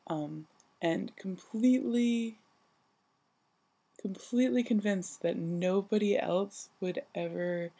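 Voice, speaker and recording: Having just woken up, a young adult woman vlogs a casual personal monologue, rambling haltingly and self-deprecatingly in a sleepy way. Her medium-pitched voice is husky, creaky and mellow.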